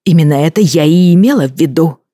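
A defiant young woman and former nurse, voiced by an audiobook reader speaks with heated indignation that flares into outright shouting. The sound is close and dry. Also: low-pitched, expressive, fast talker, dry recording. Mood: indignant.

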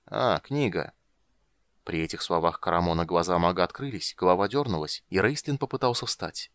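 A man narrating an audiobook in a steady, even reading voice. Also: low-pitched, quick pace, clean tone, no echo. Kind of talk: scripted narration.

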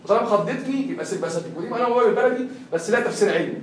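His pitch is extremely high, and he talks in an animated, rapid-fire way. He's a young man with an Egyptian Arabic accent lecturing a class and constantly questioning the students, recorded from a distance in an echoey room with a little hiss or hum.

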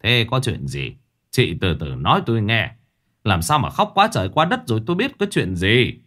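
A man voicing a brusque middle-aged village shaman calming a frantic mother in a ghost story. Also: on the low side, normal speed. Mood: curt. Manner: brusque, soothing but curt.

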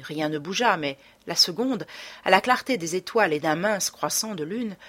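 A woman reading a classic French adventure novel aloud in a measured, dramatic narration. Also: fairly low pitch, a bit bright, husky. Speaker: audiobook narrator. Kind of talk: scripted narration.

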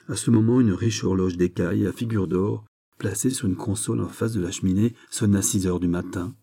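A man narrates a classic novel in a measured, expressive way. His voice is low and deeply dark, with a mellow, unhurried weight to it. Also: creaky. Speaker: audiobook reader. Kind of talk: reading a classic novel aloud.

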